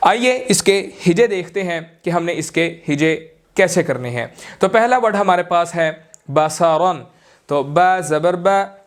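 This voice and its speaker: A man teaching Quran reading in a slow, deliberate way, drawing out syllables and using many fillers. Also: high voice, animated. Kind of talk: slow recorded lesson.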